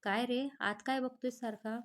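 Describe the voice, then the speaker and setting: A woman reads the lines of a young male psychiatrist in a story. He is calm but curt, scolding when annoyed. The voice sits a little high. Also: moderate pace, lightly acted. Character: young man, calm psychiatrist, gruff and protective.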